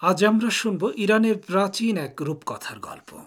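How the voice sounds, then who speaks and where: A man hosting a radio program and narrating an old folktale in a calm, measured way. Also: sits high, slightly rough. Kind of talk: storytelling narration.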